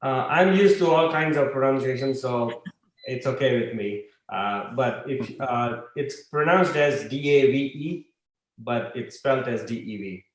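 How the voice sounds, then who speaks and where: A man of ordinary pitch talks easily about his work as a guest on a video call. He is chatty and pauses often with "uh". The sound has a clear room echo. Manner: chatty, with frequent "uh" fillers. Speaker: guest investor. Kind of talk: conversational interview on a video call.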